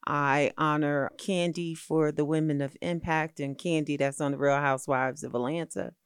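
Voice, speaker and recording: Brief: middle-aged woman guest, animated storyteller, low smooth resonant voice, dry close sound. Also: normal speed, dry recording. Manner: lively, expressive storyteller with laughter. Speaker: magazine founder and editor being interviewed. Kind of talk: animated storytelling in a conversational interview.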